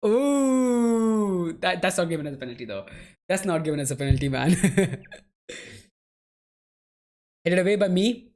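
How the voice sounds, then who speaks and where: A man hosts a live football watchalong. He calls the play in a relaxed, chatty way, and his talk is full of "bro" and "man". He answers his viewers with an easy laugh. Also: on the high side, moderate pace, long pauses. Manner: laughs easily while answering chat. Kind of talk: live match commentary and chat replies.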